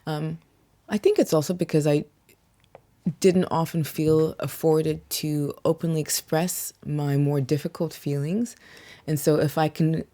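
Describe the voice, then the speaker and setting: As a guest singer-songwriter in a casual interview, a young Yorkshire woman reflects on her background. Her deep voice is steady and measured, her accent mixed with slight American and South African touches, and she uses many "um"s and "like"s, laughing softly.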